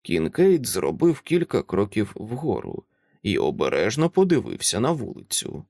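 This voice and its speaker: A man's voice: lowish voice, wildly swooping pitch, normal speed, gravelly, darkish tone, no room sound, studio quality. A man narrating a first-person novel as an audiobook, telling the story and voicing the characters. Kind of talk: scripted narration.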